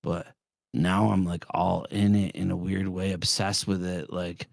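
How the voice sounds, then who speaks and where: A man's voice: sits low, flat delivery, unhurried, vocal fry, no echo, clean studio sound. A man in his forties, trading blunt, profane jokes in a casual live-stream chat. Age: 40s. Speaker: streamer co-host.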